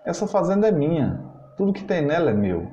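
A man's voice: fairly high pitch, big pitch swings, fairly quick, warm tone, a little hiss or hum. A man voicing a pushy rich businessman father who haggles impatiently, in a roomy, slightly dull recording.

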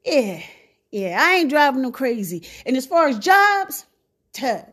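Woman, casual vlog rant, blunt and sassy, high lively voice. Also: a little slow. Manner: sassy, blunt, preachy with slang. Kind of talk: casual monologue to viewers.

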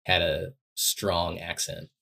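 A man from Texas with a Texan accent, co-hosting a podcast in a casual, easygoing, halting way. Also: deep voice, completely flat delivery, vocal fry, sharp tone. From Texas, from Waco. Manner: easygoing, halting, laughs often. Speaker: podcast co-host. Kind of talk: casual chat.

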